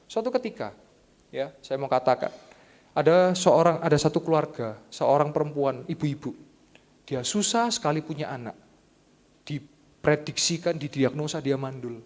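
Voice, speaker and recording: A young man with an East Javanese accent preaching a sermon as pastor, animated and joking, jumping to loud high exclamations. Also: moderate pace, pauses often. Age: young adult. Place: church hall. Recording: long church-hall reverb.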